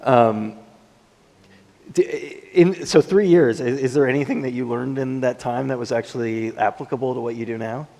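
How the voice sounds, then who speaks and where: Gravelly guy interviewing on stage, chatty and jokey, big echoey hall. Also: medium pitch, warm tone. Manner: chatty, joking, quick follow-up questions. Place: conference stage in a large hall. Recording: reverberant conference hall.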